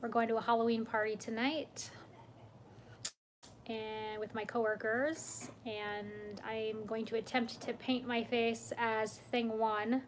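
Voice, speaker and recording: A young woman hosts a casual livestream from home, her voice sitting a little high. She chats easily, greets viewers by name and laughs between sentences, with a faint hum of room noise behind her. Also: little pitch movement, takes it slowly. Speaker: vlog host.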